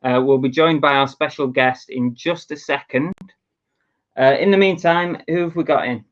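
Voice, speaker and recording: A man's voice: on the high side, normal speed. A man from England co-hosting a casual live stream, chatty and teasing with many ums. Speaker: co-host. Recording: dull lo-fi stream audio.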